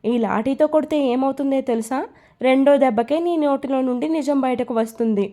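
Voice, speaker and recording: A mocking, stern male police officer interrogates with scoffing taunts, as a woman reads him out. The voice sits a touch high and mellow, in a plain storybook reading. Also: normal speed, natural voice.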